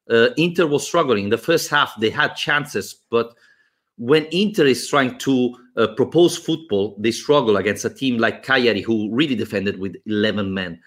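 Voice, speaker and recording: A man's voice: medium pitch, fairly bright tone. Italian-accented man analyzing football. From Italy. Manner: measured, thoughtful, with pauses. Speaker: podcast co-host.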